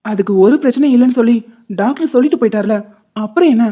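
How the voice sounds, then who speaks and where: A woman's voice: on the high side, quick pace, close to an everyday voice. A woman voicing a stern, bossy village-head husband, tinny sound. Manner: scolding, commanding.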